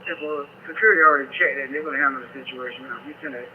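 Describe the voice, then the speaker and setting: A man's voice: mid-range voice, racing. An American man, a police officer, talking in police radio traffic over a two-way radio. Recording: tinny, noisy police scanner radio.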